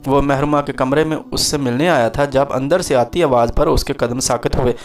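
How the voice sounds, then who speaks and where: A man's voice: mid-range voice, steady tone, moderate pace. Man narrating a dramatic story. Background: soft background music.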